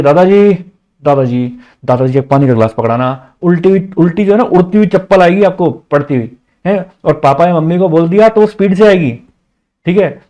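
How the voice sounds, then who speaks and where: A man's voice: on the high side, mellow. A man teaching a casual exam revision lesson, chatty, asking questions and answering them himself. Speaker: commerce teacher. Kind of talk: casual Hindi-English exam revision lecture. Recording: slightly dull lo-fi sound.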